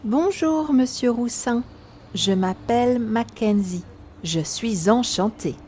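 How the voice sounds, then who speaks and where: A woman voicing a friendly, excited teenage girl in a scripted language-lesson dialogue, speaking in slow, carefully enunciated phrases. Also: fairly high pitch, a little hiss or hum.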